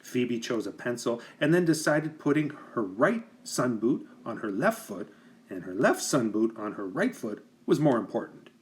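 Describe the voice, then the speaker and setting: Narrating a children's picture book at a normal speed, a man uses an expressive, teacherly delivery. His pitch rises and falls with plenty of animation, and he places careful emphasis so young listeners can keep up.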